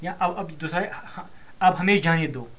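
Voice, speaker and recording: A man calmly prompting simple sentences, repeating and rephrasing each one. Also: on the high side, a crowd in the background. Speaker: elicitor asking for translations. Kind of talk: language elicitation session.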